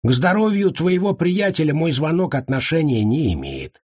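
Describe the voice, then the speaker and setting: A man voicing a smug, joking fat monk in an audiobook, his voice husky and lively. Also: a little high, moderate pace, no room sound, studio quality, pitched above the performer's own voice. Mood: smug, teasing. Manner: mocking, self-satisfied.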